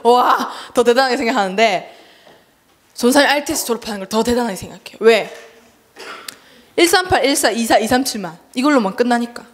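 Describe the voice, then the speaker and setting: A young woman preaches to children in a chatty, animated way. Her voice sits a little high, and she acts out other people's voices as she tells stories. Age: young adult. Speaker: junior evangelist preaching to a children's service. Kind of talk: lively children's sermon. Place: church hall.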